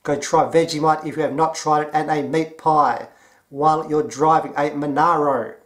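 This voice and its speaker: Australian man, slightly high voice, deadpan, mocking commentary. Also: moderate pace. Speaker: commentary vlogger. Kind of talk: sarcastic commentary.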